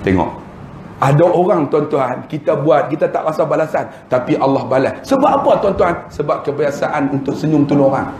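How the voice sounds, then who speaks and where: Animated northern Malaysian preacher. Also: male voice, fairly high pitch, moderate pace, roomy sound. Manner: animated, humorous, acts out dialogue. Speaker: Islamic preacher. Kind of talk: religious lecture with storytelling.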